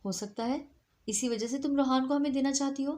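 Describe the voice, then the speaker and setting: Anxious young bride-to-be, apologetic but pushy, slightly high, read by a woman. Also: mellow, lightly acted. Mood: insistent. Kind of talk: storybook reading.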